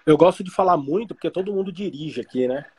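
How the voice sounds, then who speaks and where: A man's voice: fairly high pitch, expressive, quick pace, darkish tone, breathy edge. A man with a Brazilian Portuguese accent, a trading teacher chatting casually and explaining through everyday analogies. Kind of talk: casual podcast chat.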